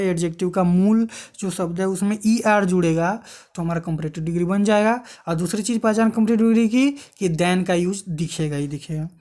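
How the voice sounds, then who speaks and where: A woman's voice: medium pitch, darkish tone. Woman w doing a grammar lesson, patient, keeps asking then answering herself. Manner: explains patiently, asks and answers her own questions. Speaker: teacher. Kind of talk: exam-prep grammar lesson.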